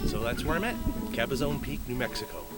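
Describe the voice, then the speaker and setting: A man's voice: mid-range voice, animated, fast, loud music behind the voice. A man hosting a hiking vlog, describing the trail in an easygoing, upbeat way as he walks outdoors. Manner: easygoing, chatty, upbeat about the scenery. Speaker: vlog host. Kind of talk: casual hiking vlog narration. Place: outdoors on a desert mountain trail. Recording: outdoor noise on a camera mic.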